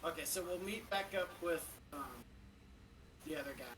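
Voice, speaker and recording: A man's voice: on the high side, moderate pace, distant mic, slight background noise. Tabletop player, male, casual planner talking through a choppy online call that drops out. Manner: thinking out loud, planning tactics. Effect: online call dropping out, breaking up.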